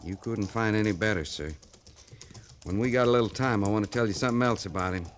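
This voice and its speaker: An actor playing a folksy, loyal, plain-spoken cavalry sergeant in an old-time radio western. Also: male voice, lowish voice, fast, slight background noise, natural voice.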